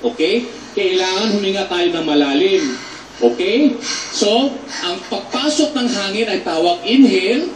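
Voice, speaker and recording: A man, a theater actor, patiently teaching voice and breathing exercises on a TV show, breaking into loud demonstration shouts. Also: sits high, lively intonation, a little slow, slight background noise. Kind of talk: instructive voice lesson on a TV show. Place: TV studio with a live audience. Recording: echoey studio, mic some distance off.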